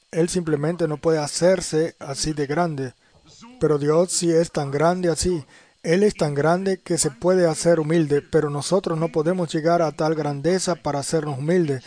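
A man's voice: a little high, a little mellow. A man preaching a sermon in earnest tones, often putting rhetorical questions to his listeners.

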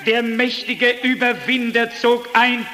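A man's voice: extremely high pitch, steady tone, slow, bright, forceful tone, big-room sound, slight background noise, low-quality recording. A man preaching a fervent, declamatory sermon to a congregation.

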